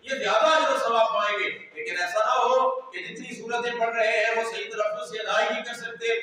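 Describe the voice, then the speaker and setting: A man giving a sermon as an Islamic scholar, emphatic, at times shouting or drawing phrases out in a sung way. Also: extremely high pitch, slight background noise. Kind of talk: sermon on prayer rules. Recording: echoey hall from far off.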